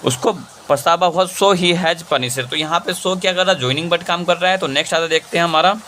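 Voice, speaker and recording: This grammar teacher speaks fairly quickly in a fairly high voice that sounds pushed and bright. He explains English grammar in Hindi, reads English examples in an Indian accent, and often poses and answers his own questions, with a little hiss or hum underneath.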